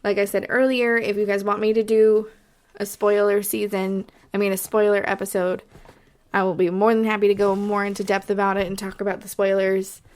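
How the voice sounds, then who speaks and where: A woman's voice: medium pitch, level tone, fairly quick, clean tone. Chatty Texan woman podcaster. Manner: chatty, rambling, lots of fillers. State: has the hiccups. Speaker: podcast host. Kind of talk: casual solo podcast review.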